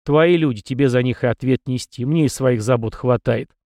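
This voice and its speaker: A man's voice: medium pitch, moderate pace, darkish tone, dry recording, studio quality, close to an everyday voice. A man reading an audiobook, voicing a brash, proud young male warrior who speaks curtly and with scorn. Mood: scornful. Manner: scornful, curt.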